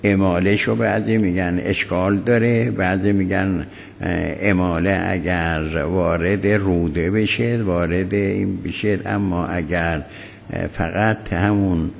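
A deep, gravelly man delivers a religious law lecture, measured and halting, often stopping mid-thought. His voice rings with a long hall echo over a faint hum of ambience. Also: fairly even intonation. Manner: measured, halting lecture with many pauses and fillers. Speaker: cleric teaching jurisprudence.

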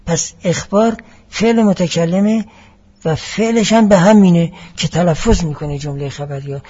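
A man giving a classroom lecture as a seminary teacher, explaining each point deliberately and mixing in Arabic phrases. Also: sits high, mellow, slightly rough, dull audio.

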